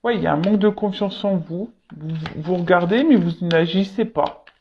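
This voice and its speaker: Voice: mid-range voice, normal speed, highs cut off, slight background noise. A tarot reader giving an unscripted reading straight to viewers, often stalling, repeating words and leaning on fillers.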